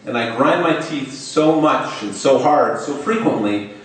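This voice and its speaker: On stage in a large hall, a young man tells a personal story in a mid-range voice with lively intonation, speaking a little slowly. He stutters openly, repeating and stretching the opening sounds of words. The mic sits far away, so the room echoes noticeably.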